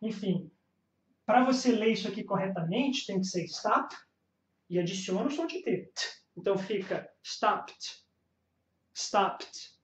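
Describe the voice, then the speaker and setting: A man with a Brazilian Portuguese accent teaching English pronunciation, repeating words slowly and carefully between explanations. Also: high voice, expressive, a little hiss or hum. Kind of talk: pronunciation lesson. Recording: roomy, slightly dull home recording.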